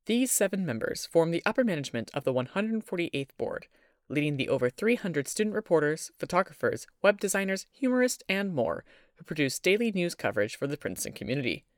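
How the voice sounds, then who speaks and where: A young man hosting a student news podcast, reading a scripted narration in a lively announcer style. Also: a little high, brisk, dry recording, clean studio sound. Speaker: podcast host.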